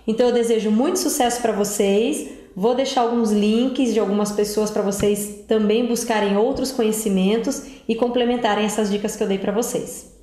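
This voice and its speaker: A woman's voice: medium pitch, fairly even intonation, normal speed, warm tone, echoey room. Woman giving direct career tips. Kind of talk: casual advice video.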